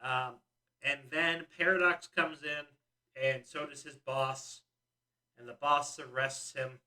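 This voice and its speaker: Casting: young male podcast co-host, bright and chatty, a bit distant from the mic. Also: on the high side, fairly even intonation, takes it slowly. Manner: chatty, recapping with frequent ums and laughs. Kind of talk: casual chat.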